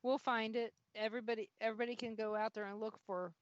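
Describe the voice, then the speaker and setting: A woman's voice: a little high, level tone, quick pace, no echo. A woman hosting a radio talk show in a casual, chatty way. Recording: dry but dull lo-fi audio.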